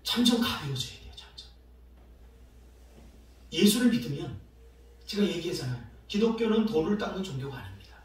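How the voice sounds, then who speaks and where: A man's voice: fairly high pitch, brisk, pauses often. Middle-aged male pastor preaching in an echoey hall. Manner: animated storytelling, acting out quoted voices, laughing often. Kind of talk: sermon. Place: church sanctuary. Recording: very echoey church hall from far off, faint noise.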